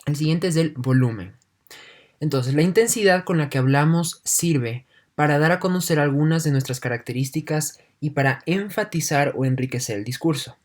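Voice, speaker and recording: A man's voice: on the high side, moderate pace. Patient male teacher explaining step by step. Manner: reads a passage aloud, then explains it in plain words; leans heavily on "entonces" and checks in with "¿no?". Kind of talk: online class lecture.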